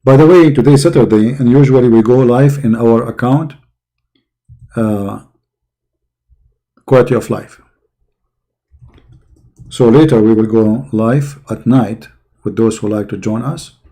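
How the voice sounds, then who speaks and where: A man's voice: mid-range voice, a little slow, pauses often, mellow. A man giving sarcastic, mocking religious commentary, saying he is losing his voice.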